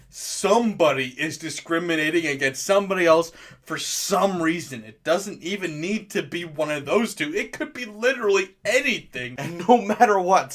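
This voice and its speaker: A man's voice: fairly high pitch, a bit bright. A tipsy man giving casual, blunt, profane and rambling commentary as host of a comedic review. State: tipsy, drinking.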